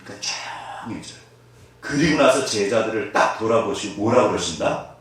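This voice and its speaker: A man's voice: lowish voice, fairly quick. A male pastor preaching a sermon, often putting questions to his congregation. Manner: animated, asks the congregation questions. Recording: echoey room from far off.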